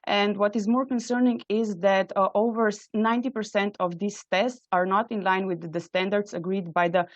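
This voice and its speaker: A woman's voice: medium pitch, steady tone, normal speed, no room sound. A woman in her thirties from Slovenia, speaking, gives an earnest webinar presentation with frequent hesitant fillers. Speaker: invited speaker, microbiology trainee. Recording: dull, dry webinar audio.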